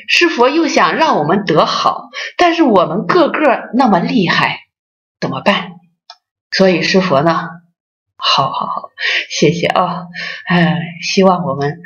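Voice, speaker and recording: On a dull lo-fi recording, a middle-aged woman presides over her association's Buddhist dharma talk with a lowish, fairly bright voice. She narrates stories, performs the quoted voices, and speaks directly to the people listening.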